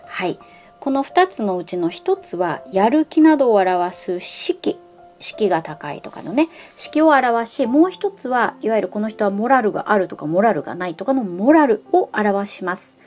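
Middle-aged woman English teacher with a mid-range voice, careful and emphatic delivery, soft music bed. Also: medium pitch. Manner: slow, careful enunciation in English passages; lively, emphatic when stressing sounds. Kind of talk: bilingual pronunciation lesson.

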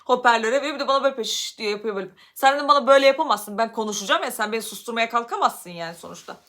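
A high, bright woman's voice from Turkey, talking fast. She tells a story in a casual vlog, and her voice climbs and gets loud as she warms up. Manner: animated, voice rises loudly when upset. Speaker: vlogger.

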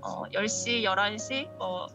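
A woman's voice: medium pitch, slow, over music. A young woman, a doctor, explaining her work as an interview guest over a video call, through a face mask. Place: busy hospital room indoors, on a video call. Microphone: video call, phone close to face, through a mask.

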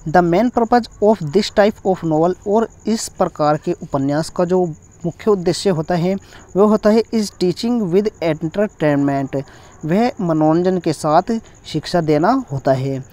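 High-voiced Indian man lecturing. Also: dark tone. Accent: Indian English. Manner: explains step by step, repeats key points, reads English definitions slowly. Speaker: teacher. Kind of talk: exam-focused lecture.

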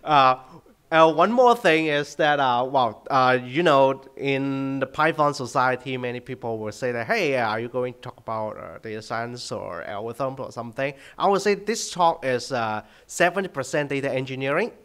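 A middle-aged man with a thick Hong Kong accent, giving a conference presentation in an informal, halting way. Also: mid-range voice, a bit bright, clear, resonant tone. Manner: informal, halting, frequent hesitations. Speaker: conference speaker, data director. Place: conference stage indoors, at a lectern.

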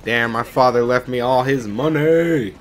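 A man's voice: mid-range voice, unhurried, a little hiss or hum. A young man hosting a let's-play video, chatting casually with rambling, profane commentary. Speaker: gaming channel host.

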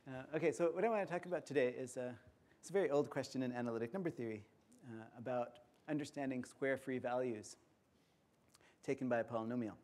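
Mellow-voiced man lecturing in an auditorium. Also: medium pitch. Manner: measured, explains step by step. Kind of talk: academic conference lecture.

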